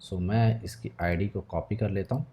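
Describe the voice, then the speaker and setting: A man walking through a screen-recorded coding tutorial, patient and step by step, checking in with viewers often. His voice is mellow and dark. Faint keyboard typing sits behind him. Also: sits low, fairly even intonation, normal speed, vocal fry, a little hiss or hum. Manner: patient step-by-step explaining, frequent check-ins.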